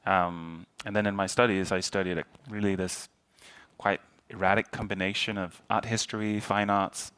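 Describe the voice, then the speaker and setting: A man's voice: fairly low pitch, a bit bright, no room sound. A young man from Denmark, an artist, speaking reflectively and loosely in a panel conversation. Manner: reflective, rambling with fillers.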